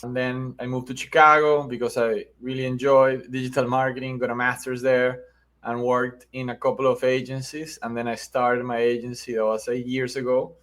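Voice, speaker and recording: Speaking in a level tone at moderate speed, a middle-aged man with a Venezuelan accent uses a mid-range, fairly bright voice. As a podcast guest and marketing agency founder, he explains things in a conversational way and keeps adding "right?" to check in.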